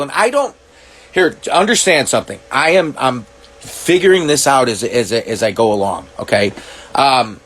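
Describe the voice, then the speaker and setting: Guy ranting to camera, high-ish voice, swears a lot, keeps restarting. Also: a bit bright, slightly rough. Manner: profane, thinking aloud, halting restarts. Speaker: commentary vlogger. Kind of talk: reaction monologue.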